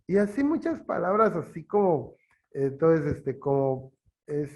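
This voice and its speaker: A man teaching in an interview, from Yucatán in Mexico with a Yucatán Spanish accent, explaining slowly and haltingly with many fillers. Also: a little high, sing-song, darkish tone.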